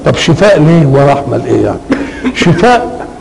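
Older Egyptian sheikh explaining scripture, gravelly. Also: male voice, a little high, big pitch swings, a little mellow, low-quality recording. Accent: Egyptian Arabic. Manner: conversational, poses questions then answers them, slows down to recite verses. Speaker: Quran commentator. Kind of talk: colloquial Quranic exegesis lecture.

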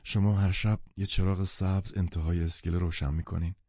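A wealthy, commanding man with a low, dark voice who talks briskly and insistently, as read by a male narrator. The recording is dry and dull. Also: level tone, creaky, slightly rough, no echo, full character voice. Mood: eager.

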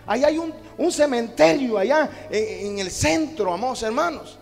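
A man preaching at a pulpit in a strikingly high, gravelly voice. He tells stories and keeps calling his listeners brother, then builds to loud shouted peaks. The sermon rings in a reverberant church hall with faint music underneath. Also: expressive, normal speed. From Honduras. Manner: storytelling, repeats "hermano" and "amados hermanos" as refrains.

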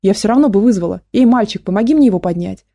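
Gruff, demanding female doctor, read by a woman; audiobook, dark timbre. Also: medium pitch, animated, fast talker, dry recording, clean studio sound. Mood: grumpy. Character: grumpy adult female doctor, bossy.

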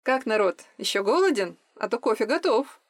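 A woman reads a brisk investigator who jokes his way through the scene. The voice sits fairly high and is recorded dry and close. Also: animated, no room sound. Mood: joking. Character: man, a brisk joking investigator.

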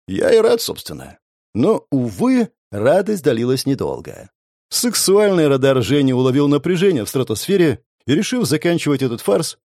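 Animated, lively male storyteller. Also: mid-range voice, no echo, studio quality. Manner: expressive, sardonic, lively storytelling. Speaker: audiobook narrator. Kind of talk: first-person story narration.

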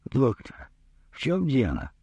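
A man's voice: low voice, big pitch swings, takes it slowly, creaky, dark tone, breathy edge, no echo, highs cut off, full character voice. A man voicing a tall, timid, bewildered male plumber who talks in a plaintive, pleading way in a humorous storybook reading.

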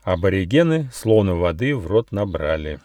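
A man reading his own fairy tale as an audiobook, expressive and animated. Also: sits low, moderate pace, dry recording. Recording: dry close studio.

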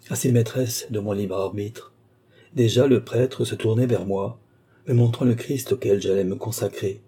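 A man's voice: on the low side, mellow, slightly rough. A man reading the part of a distraught young woman who urgently recounts her abduction, in an audiobook. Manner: urgent, dramatic first-person telling.

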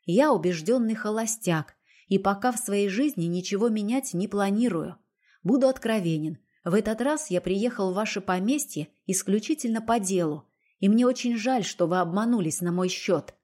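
A woman reading the part of a composed gentleman who speaks softly and coolly. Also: medium pitch, lively intonation, natural voice. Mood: cool calm. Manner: soft, cool and measured.

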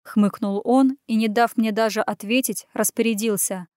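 A woman reading a first-person story aloud as audiobook narration, in an even storytelling delivery. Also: fairly high pitch, moderate pace, no room sound, studio quality.

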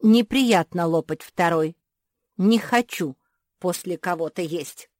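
A woman voicing a spoiled, rich young labrador girl who whines and demands loudly. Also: on the low side, slow, dry recording, clean studio sound. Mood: bossy. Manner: whiny, demanding, loud.

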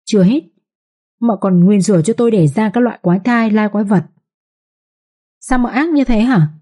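A woman's voice: mid-range voice, moderate pace, mellow, lightly acted. A woman doing a wailing scheming young concubine. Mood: accusing. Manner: wailing, whimpering complaints. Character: scheming pregnant young concubine, whiny and shrill.

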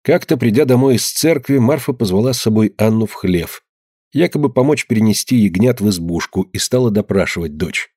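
A man narrating an audiobook story in an even, measured way. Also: fairly low pitch, slightly rough, dry recording, studio quality.

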